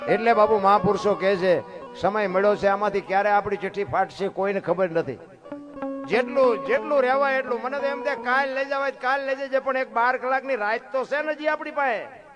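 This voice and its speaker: A man with a high-pitched voice tells devotional stories in a fervent, folksy way. He leans into earthy asides and now and then draws a phrase out into song. Plucked guitar music plays clearly behind him. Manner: fervent, folksy, swings into drawn-out sung phrases. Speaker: dayro storyteller and bhajan singer. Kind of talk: devotional storytelling with sung bhajan lines.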